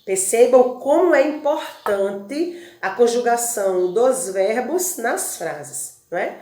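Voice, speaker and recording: Woman teacher with a Brazilian accent, slightly high voice, deliberate patient delivery; reverberant room sound. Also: lively intonation, a little mellow. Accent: Brazilian Portuguese. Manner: slow, deliberate drilling of verb forms and lists; explains patiently, asks rhetorical check-ins. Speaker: Spanish teacher. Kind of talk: recorded classroom review lesson.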